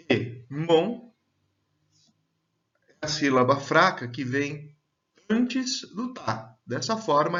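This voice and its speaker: Slow, deliberate male teacher, lo-fi. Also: a little high, fairly bright tone. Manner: slow and deliberate, stretching out example words. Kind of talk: slow, clear grammar lesson. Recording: dull, lo-fi sound.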